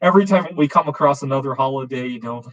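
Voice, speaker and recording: A man's voice: medium pitch, quick pace, dull audio. A man in his forties hosting a casual open-camera chat, rambling with many fillers and restarts. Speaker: show host.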